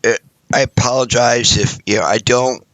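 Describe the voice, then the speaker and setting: A man's voice: mid-range voice, fairly even intonation, normal speed, fairly bright tone, no echo. A man co-hosting a casual podcast, talking in long rambling sentences full of hedges. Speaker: podcast co-host.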